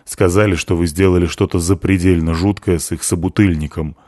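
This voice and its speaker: A by-the-book police deputy from an audiobook, read by a man. He reports in a formal, measured tone. Low voice, recorded dry and close. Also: steady tone, dark tone, no room sound.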